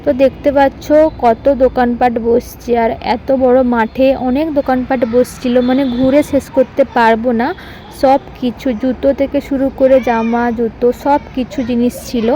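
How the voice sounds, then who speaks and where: A woman vlogger with a hoarse voice, talking softly and chatting straight to her viewers in a casual voice-over. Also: high voice, little pitch movement, normal speed, a little hiss or hum, poor audio. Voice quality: soft-spoken. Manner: chatty, addresses viewers directly.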